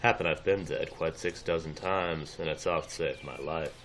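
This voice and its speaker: A sly game rogue speaks in a low, smooth tone with ornate, old-fashioned phrasing. He sounds mocking and at ease. A faint hum of ambience sits behind him. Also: moderate pace, a bit bright.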